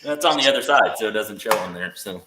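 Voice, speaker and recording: A man's voice: fairly low pitch, lively intonation, fast talker, reverberant, background noise. A man in casual chat about a car build, rambling and hedging with fillers. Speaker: guest on automotive chat.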